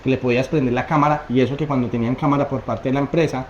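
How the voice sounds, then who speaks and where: A man's voice: medium pitch, steady tone, racing, dull audio, a little hiss or hum. A man co-hosting a podcast, chatting in a dry, matter-of-fact way. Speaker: podcast co-host. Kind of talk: casual chat. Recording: roomy podcast audio.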